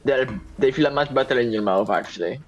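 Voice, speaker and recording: A man's voice: mid-range voice, brisk. A man joining a casual chat, with dry, teasing remarks.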